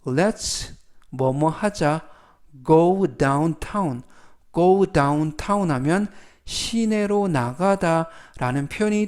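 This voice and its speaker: 느릿하고 또박또박 말하는 남성 영어 강사. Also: male voice, a little high, a little mellow. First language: Korean. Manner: repeats English words slowly and clearly. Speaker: English vocabulary teacher. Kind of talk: slow instructional narration.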